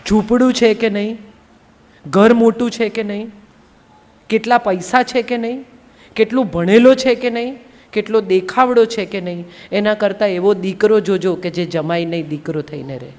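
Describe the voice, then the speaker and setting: A woman's voice: medium pitch, moderate pace, darkish tone, close to an everyday voice. A woman speaker voicing a tearful young bride who pleads in a plaintive tone while telling a story. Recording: long hall reverb.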